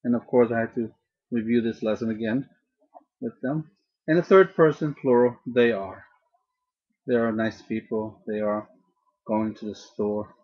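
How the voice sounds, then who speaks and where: A man teaching a grammar lesson slowly and patiently, often repeating and restarting his phrases. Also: mid-range voice, fairly even intonation, breathy edge. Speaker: language teacher. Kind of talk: slow, deliberate grammar lesson. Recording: dull lo-fi recording.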